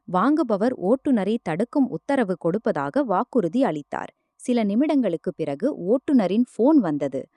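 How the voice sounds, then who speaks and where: A woman reading a family drama story aloud as scripted narration, at a steady, even pace. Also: medium pitch, no room sound.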